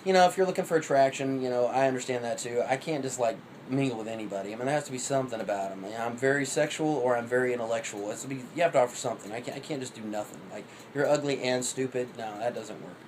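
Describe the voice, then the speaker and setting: Fast-rambling cocky man. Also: medium pitch, darkish tone, a little hiss or hum, low-quality recording. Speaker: vlogger. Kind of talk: rambling dating advice monologue.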